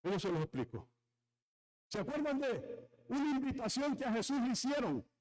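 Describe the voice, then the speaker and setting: A man's voice: moderate pace, poor audio. A male pastor preaching a sermon, retelling a story with dramatic swings and asking the congregation questions. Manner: lively pitch swings from high to low.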